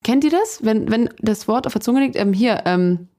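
Young woman, interview guest: casual, animated, laughing storyteller. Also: a little high, moderate pace. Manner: chatty and lively, many fillers, laughs while telling. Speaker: guest, singer.

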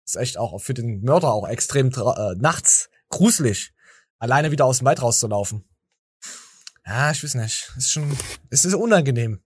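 A man's voice: medium pitch, animated, moderate pace, husky, dry recording. A tired man hosting a podcast, rambling and joking with stammering restarts. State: tired from little sleep. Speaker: podcast host. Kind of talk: casual chat.

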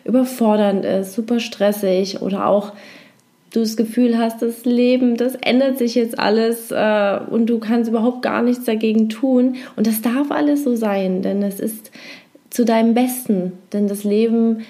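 A woman informally introduces a meditation in a gentle, encouraging and reflective way. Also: fairly high pitch, fairly even intonation, normal speed. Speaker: meditation guide.

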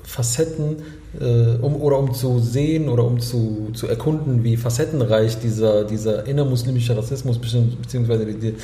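A man's voice: medium pitch, steady tone, fairly quick, dark tone, reverberant. A man co-hosting a casual talk show, hesitant and searching for words with many restarts. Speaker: podcast co-host. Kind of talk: casual discussion.

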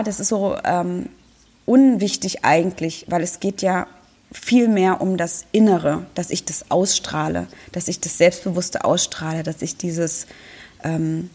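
A woman's voice: fairly low pitch, husky. Reassuring woman coach talking. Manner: warm, reassuring, acts out inner voices. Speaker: coach with own practice. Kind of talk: conversational podcast talk.

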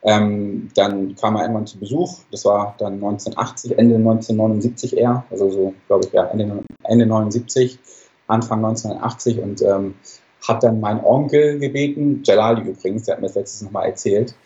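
This man, a surgeon in his forties originally from Ghana and raised in Hamburg, Germany, appears as a guest on a casual storytelling podcast. His voice is fairly low, steady, and mellow, delivered a little fast, with the highs cut off. He rambles through his story with plenty of fillers and self-corrections.

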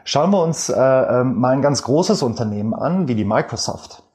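Speaking with a medium-pitched, darkish voice, this Rhineland German man is animated as he gives an interview. He's the guest expert, offering careful explanations peppered with fillers.

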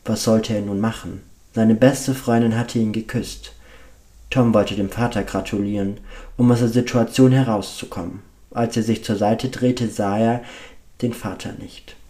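A man reading a story aloud in a steady, plain storytelling manner. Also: lowish voice, a little slow.

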